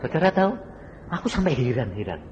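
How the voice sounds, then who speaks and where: A man's voice: mid-range voice, very animated, fast, darkish tone, lo-fi sound. A male evangelist, preaching a sermon and telling a story, often asking the congregation questions. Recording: reverberant hall with faint background noise.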